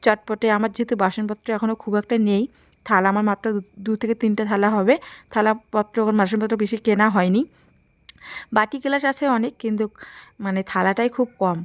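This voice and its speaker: A woman's voice: medium pitch, fairly even intonation, brisk, no echo. A young woman with a Bengali accent, narrating a casual village vlog while she does housework. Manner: chatty, talks to viewers while doing housework. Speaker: village vlogger.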